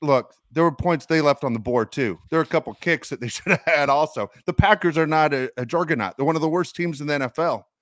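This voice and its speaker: A man's voice: on the high side, quick pace, hardly any pauses, fairly bright tone, no room sound, clean studio sound. A man co-hosting a sports podcast, venting bluntly and emphatically about a loss. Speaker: podcast co-host.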